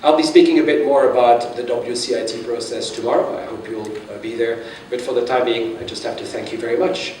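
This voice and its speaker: A man's voice: medium pitch, steady tone, brisk, few pauses, a little mellow. A man gives a conference talk in a chatty, self-deprecating way, often restarting his sentences. He sounds distant, and his voice echoes around a large hall. A faint hum of room sound runs under him. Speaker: conference speaker.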